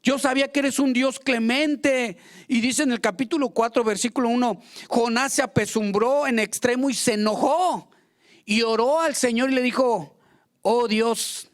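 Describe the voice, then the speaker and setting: A man's voice: very high voice, normal speed. A man preaching a fervent sermon as pastor, acting out quoted prayers and complaints.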